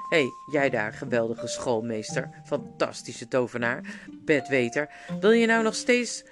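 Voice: medium pitch, natural voice. A reader voicing an angry, grumbling male dwarf who mocks and scolds the others, with guitar music underneath. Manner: bitter, mocking, scolding.

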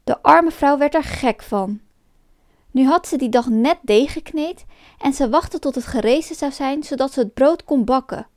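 A woman narrating a folk tale in a calm, expressive storytelling manner. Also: high-pitched, normal speed.

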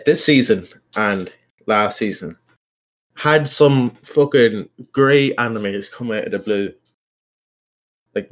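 A young man with an Irish accent hosting a casual solo podcast, rambling informally and self-consciously with plenty of swearing. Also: fairly low pitch. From Ireland. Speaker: podcast host.

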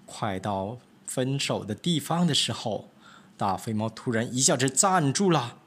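A man from Malaysia telling a children's picture-book story in a medium voice. His storytelling is expressive, and his pitch swings widely as he brings the tale to life. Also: measured pace, breathy edge. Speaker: storybook reader.

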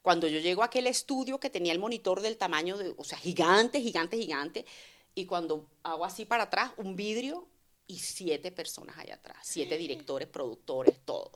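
A woman who works as an actress, telling stories about her work in an expressive, casual way. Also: on the low side, normal speed, slight background noise. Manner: expressive, animated storyteller. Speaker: actress and voice actor guest. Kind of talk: casual chat.

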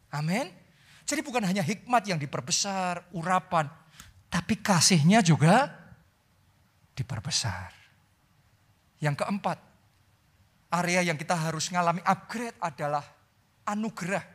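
A middle-aged man preaching a sermon as pastor, telling a story with sudden loud peaks and soft, quiet drops. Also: sits high, expressive, a little slow, pauses often.

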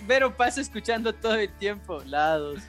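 A man hosting a podcast in casual chat, animated, teasing and swearing freely among friends. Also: high voice, a little fast, music in the background. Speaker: podcast host.

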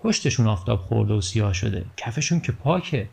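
A man's voice: fairly low pitch, lively intonation, creaky, a little mellow, breathy edge, exaggerated voice. A man reading a storybook aloud, voicing squabbling young village schoolboys who whine and complain. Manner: whiny, complaining.

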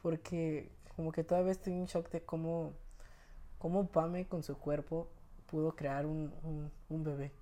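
A young man in his twenties with a Mexican Spanish accent, talking as a podcast guest. His voice is soft and mellow, and he laughs easily as he tells his stories in a relaxed, casual way. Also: fairly high pitch, unhurried. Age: 20s. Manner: laughs often while telling stories. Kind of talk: casual interview storytelling.

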